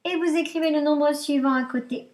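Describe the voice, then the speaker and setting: A woman teaching primary maths, dictating to young pupils with deliberate articulation and repeating herself. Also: high-pitched, steady tone, a little mellow.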